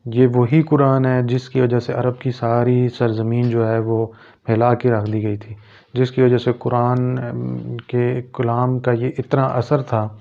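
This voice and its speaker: A man hosting his own channel, giving a measured religious talk with many pauses and hesitations. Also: medium pitch, creaky, lo-fi sound. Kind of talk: explanatory religious talk to camera.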